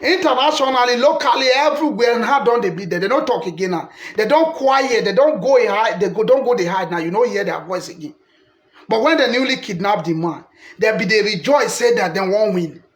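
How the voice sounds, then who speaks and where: A man's voice: high-pitched, expressive, fairly quick, echoey room. A man with a Nigerian accent delivering an impassioned political monologue in Pidgin, quoting scripture and repeating himself. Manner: preachy, quotes scripture, repetitive.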